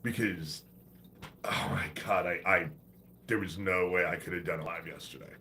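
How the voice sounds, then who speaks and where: A congested man with a head cold hosts a live stream, drifting through loose, foul-mouthed talk. His low voice is gravelly and sharp, his tone steady, and he talks at normal speed over slight background noise.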